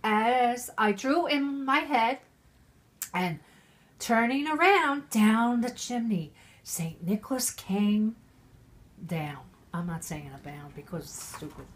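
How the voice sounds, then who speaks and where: Reading a Christmas poem from a storybook to her family, a very drunk middle-aged mother stumbles over the lines and slips into irreverent asides. Her voice is on the high side and animated, and she takes it slowly.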